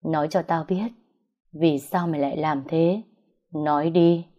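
A woman's voice: fairly low pitch, lively intonation, measured pace. A woman voicing a furious, betrayed young woman who screams accusations and chokes on sobs, in a story reading on dull, lo-fi audio. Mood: tense, choked. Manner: shrieking accusations, breaking into sobs.

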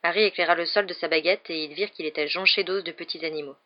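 An audiobook reader narrating a French novel in a steady, measured way. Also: medium pitch. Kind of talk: scripted narration. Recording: dull lo-fi audio.

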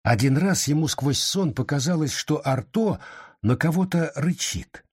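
A man reading a story aloud in a measured, expressive storytelling manner. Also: mid-range voice, slightly rough. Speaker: narrator. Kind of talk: scripted audiobook narration.

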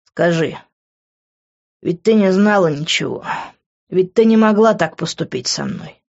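A woman reading an audiobook, voicing a young man who is an intense, possessive lover, with a lowered voice. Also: a little slow, a little mellow, highs cut off. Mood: pleading. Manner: pleading, intense.

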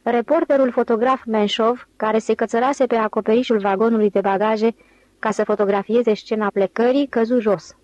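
A woman narrating an audiobook in a steady, clear storytelling manner. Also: a little high, no room sound, highs cut off. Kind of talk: scripted narration.

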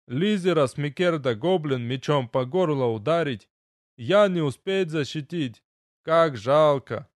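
High-pitched dwarf with broken speech, as a male reader puts him on, slow halting words, lively voice, dry recording. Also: no echo. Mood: grieving. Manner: speaks in broken, ungrammatical phrases. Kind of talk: audiobook character voice.

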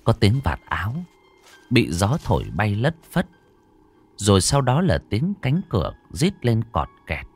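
A man narrating a ghost story with dramatic, animated delivery, rising and falling to build suspense. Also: on the low side, a little slow, faint music behind.

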